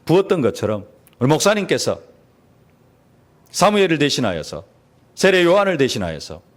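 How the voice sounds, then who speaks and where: A man preaching a sermon as pastor in a church, with emphatic rising peaks, sudden drops and rhetorical questions. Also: a little high. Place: church sanctuary.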